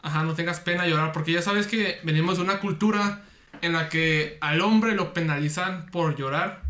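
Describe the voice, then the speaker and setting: Bright high-voiced Mexican man. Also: normal speed. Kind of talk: casual podcast chat. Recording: roomy echo.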